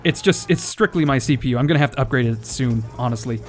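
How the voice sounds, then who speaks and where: A man's voice: medium pitch, fast, faint music behind. Man with choppy, uneven audio. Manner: thinking aloud, casual, swearing. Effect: audio cutting in and out, uneven volume. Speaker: gameplay commentator. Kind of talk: casual strategy game commentary.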